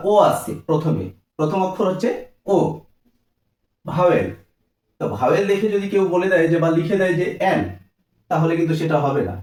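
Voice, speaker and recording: A man's voice: sits high, darkish tone, reverberant, recorded from a distance. A man teaching a grammar lesson, asking questions and answering them himself.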